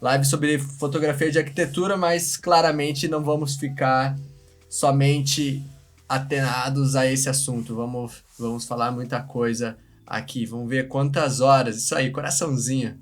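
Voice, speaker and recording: A man with a Brazilian accent hosts a casual livestream chat from a separate, remote location, speaking informally with slang and often repeating himself. His mid-range voice has fairly even intonation and a normal speed.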